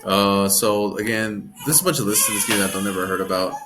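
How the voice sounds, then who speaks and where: A man's voice: fairly low pitch, quick pace, a bit bright, slight background noise. A man co-hosting a casual podcast chat about video games, rambling and trailing off mid-thought. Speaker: podcast co-host.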